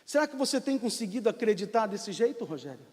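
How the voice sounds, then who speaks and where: A Brazilian man preaching an impassioned sermon as pastor, rising to shouts, in a reverberant church. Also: high voice, big pitch swings, fast. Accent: Brazilian Portuguese.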